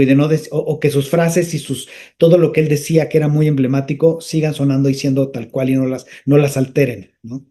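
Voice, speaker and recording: A comedian and voice actor, guesting on a relaxed interview, tells stories with lively energy and now and then slips into character voices. His voice sits a touch higher than most men's.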